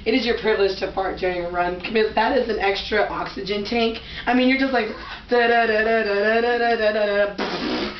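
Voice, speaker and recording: A woman's voice: mid-range voice, a little fast, slight background noise. A woman chatting playfully and joking with a friend in a casual home video. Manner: giggly, playful. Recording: roomy, distant, dull home video with loud ambience.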